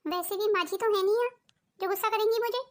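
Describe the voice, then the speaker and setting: A woman's voice: extremely high pitch, fairly even intonation, quick pace. A woman voicing a homesick young daughter-in-law in a cartoon, pleading and complaining. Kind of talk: cartoon voice acting.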